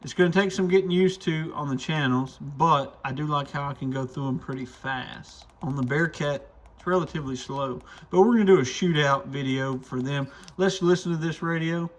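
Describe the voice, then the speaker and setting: Speaking at normal speed with hardly any pauses, a man with a fairly high-pitched voice walks through a casual hands-on product demo. As a radio shop reviewer and video host, he thinks aloud informally while tinkering.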